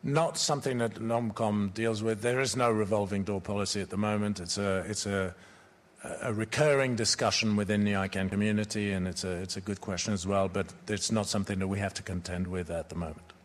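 A man on a conference panel answering a question in a measured way, repeating his phrases. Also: fairly low pitch, fairly even intonation.

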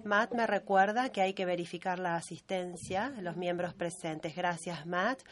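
A woman giving a steady, measured simultaneous interpretation of a meeting chair's remarks and roll call. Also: on the low side. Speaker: conference interpreter.

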